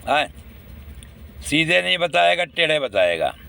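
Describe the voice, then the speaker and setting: A man's voice: a little high, big pitch swings, unhurried, vocal fry, pushed and bright. A man speaking to the public in a casual monologue, indignant and complaining.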